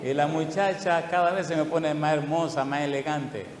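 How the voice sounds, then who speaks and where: A man's voice: on the high side, steady tone, normal speed, crowd noise. An older man preaching a sermon to a congregation, emotional and chuckling, with fond asides and rhetorical questions. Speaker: pastor. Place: church hall. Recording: echoey church hall with long reverb.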